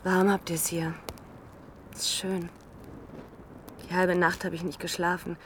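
An actress playing a newly homeless woman who speaks in a quiet, guarded way and insists on answers, in a radio drama. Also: on the low side, little pitch movement, takes it slowly, distant mic, slight background noise.

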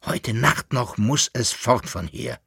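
A man's voice: medium pitch, very animated, slow, creaky, a bit bright, breathy edge, no echo, clean studio sound, heavily acted. A man voicing a weak, dying old man giving his last instructions in a storybook reading. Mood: weary.

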